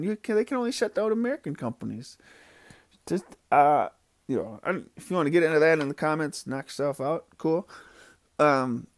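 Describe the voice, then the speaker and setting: Man, fairly high gravelly voice, rambling casual vlog chat, swears freely, dry close sound. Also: dry recording. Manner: rambling, profane and gossipy, with frequent fillers. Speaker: fidget spinner reviewer.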